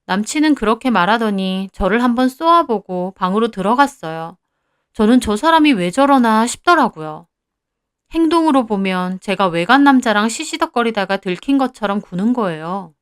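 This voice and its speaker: A woman's voice: on the high side, expressive, normal speed, clean tone, no room sound, clean studio sound. A young woman narrating a first-person story in a confiding, conversational way.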